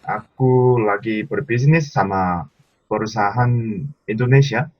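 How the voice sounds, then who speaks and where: Low-voiced Korean man speaking haltingly. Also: a little mellow, dry recording, highs cut off. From South Korea. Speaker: guest. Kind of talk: casual discussion.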